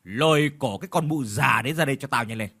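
A man voicing a cruel, brutal village chief who shouts and snarls threats at villagers. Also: medium pitch, quick pace, breathy edge. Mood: growling order.

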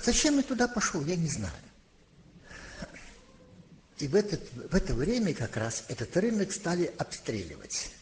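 An older man preaching a sermon, telling a childhood story slowly and with emphasis, and crying out when he quotes scripture. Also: fairly high pitch, a little mellow, low-quality recording. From Leningrad, Russia. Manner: slow, emphatic storytelling with rising cries when quoting. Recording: faint background hiss, archival tape.

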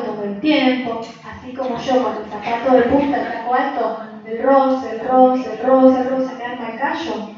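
A woman giving a lecture to a group in a voice workshop, explaining with emphatic repetition. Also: a little high. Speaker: voice workshop speaker. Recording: echoey room, distant mic, dull sound.

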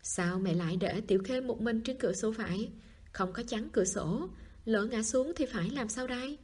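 A woman voicing a caring, protective young man who teases gently in an audiobook. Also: fairly high pitch, moderate pace, slightly rough. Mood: alarmed.

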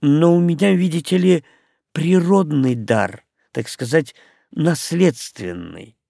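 A man voicing a shrewd, sharp-tongued witch in an audiobook. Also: a little high, slow, vocal fry, dry recording, clean studio sound, heavily acted. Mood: wry.

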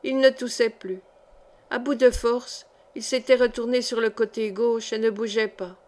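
Higher-voiced woman reading a story. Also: flat delivery, normal speed, darkish tone. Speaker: audiobook reader. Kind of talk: literary narration.

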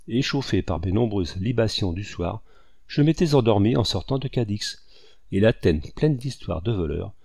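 A man narrates a classic adventure novel in the first person, measured and dramatic in his telling. His voice sits low and carries a gravelly rasp. The recording is close and dry, with no room sound. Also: warm tone, no echo. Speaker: audiobook reader.

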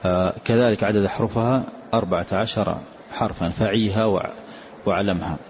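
An older man, a sheikh, explains the rules of a recitation poem line by line in a calm, repetitive way, often saying "yes" between points. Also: on the low side, fairly quick. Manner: calm, repetitive, answers with short "na'am". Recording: dull lo-fi lecture recording with faint hiss.

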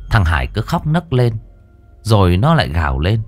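A man's voice: fairly low pitch, wildly swooping pitch, normal speed. A man narrating a ghost story in a vivid, colloquial storytelling manner. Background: soft music.

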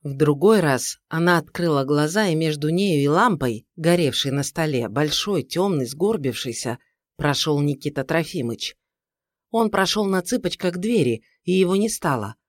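A man tells the story in a calm, measured audiobook narration. His voice sits a little on the higher side. The recording is dry and close. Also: dry recording.

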